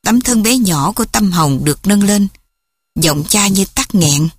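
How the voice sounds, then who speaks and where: A woman narrating a story in a soft, measured and dramatic reading. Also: mid-range voice, lively intonation, breathy edge, dry recording.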